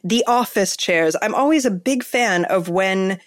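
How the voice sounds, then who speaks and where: A woman podcast host chats casually and with enthusiasm, filling her speech with fillers and restarts. Her voice is medium-pitched and her pace a little slow.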